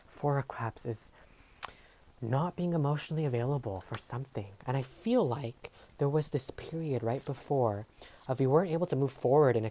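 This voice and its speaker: With a very low, dark-toned voice, this Tagalog-speaking woman meanders through a casual tarot reading, hesitant and heavy with fillers and phrases that trail off. It's filmed at home using an overhead camera setup.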